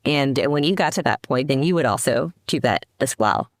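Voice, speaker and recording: This podcast guest, a middle-aged company CEO from the Seattle area, United States, has a bass voice with lively intonation and a normal speed. The recording is dry, with clean studio sound. Chatting in a casual interview, she tells her story reflectively, often restarting and filling pauses.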